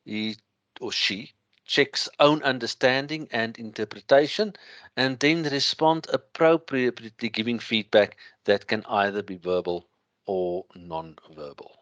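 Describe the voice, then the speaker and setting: A man with a thick Afrikaans accent lecturing through slides, explaining in a halting way with everyday examples. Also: mid-range voice, a bit bright, dry recording, highs cut off.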